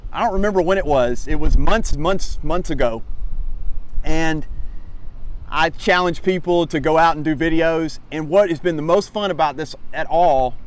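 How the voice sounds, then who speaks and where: A man hosting a casual hiking vlog outdoors, talking in a folksy, rambling, self-effacing way. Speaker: host of a hiking channel. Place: outdoors by a lake in cold wind. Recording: noisy outdoor audio with vehicle rumble.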